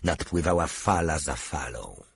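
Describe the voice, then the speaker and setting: A man reads an audiobook in a steady, measured way. His voice is very low. It carries a heavy husky grain. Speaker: audiobook narrator. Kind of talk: audiobook narration.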